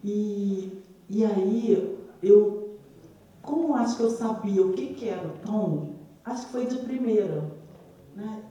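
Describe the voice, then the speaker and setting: Woman, film director, hesitant, self-deprecating, very dark mellow tone, echoey hall from far off. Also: mid-range voice, slow, pauses often. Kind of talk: post-screening panel talk. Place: screening hall. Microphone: distant hall microphone.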